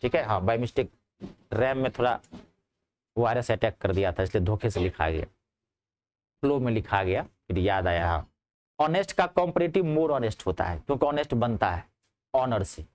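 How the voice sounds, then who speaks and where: A man's voice: moderate pace, long pauses. A man teaching a grammar class in speech, asking his students checking questions and answering them himself. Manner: lively, rising on questions and dropping low on answers.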